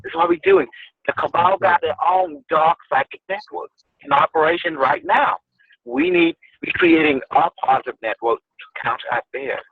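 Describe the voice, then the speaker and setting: A man explaining insistently, his voice jumping up high on key words. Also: huge pitch swings, normal speed, gravelly, slightly rough, dry recording. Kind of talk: casual explanatory talk. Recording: tinny phone line.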